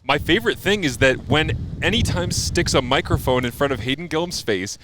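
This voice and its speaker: A man hosting a motorsport podcast in casual chat, joking and telling animated stories from an outdoor observation deck. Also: on the high side, brisk, background noise. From Canada. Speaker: motorsport commentator and podcast host.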